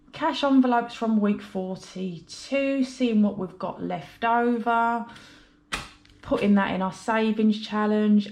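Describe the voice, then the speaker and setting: Stuffy with a head cold, the UK budgeting vlogger talks casually as she counts her cash, rambling and apologizing in her British English. Her voice is lowish, gravelly and darkish in tone.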